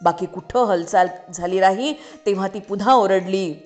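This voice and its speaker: Expressive woman reading a literary story aloud. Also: mid-range voice, normal speed, soft background music. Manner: expressive, rises sharply for shouted lines. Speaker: story reader.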